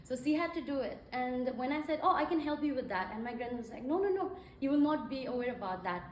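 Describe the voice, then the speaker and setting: A young woman from Nepal, speaking as a guest in an event hall, talks fast in a high voice with lively intonation and plenty of fillers. The far-off, echoey recording carries a little hiss or hum.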